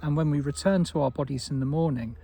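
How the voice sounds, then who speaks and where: A man giving an unscripted spiritual talk as a teacher, soft and meandering with frequent restarts. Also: fairly high pitch, fast talker, creaky, breathy edge.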